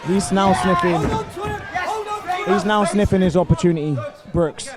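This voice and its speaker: A man's voice: sits high, fairly even intonation, measured pace. A man analysing a live fight as co-commentator, explaining each move emphatically. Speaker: expert co-commentator. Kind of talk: live combat sport analysis. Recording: music and crowd noise behind. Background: arena crowd and music.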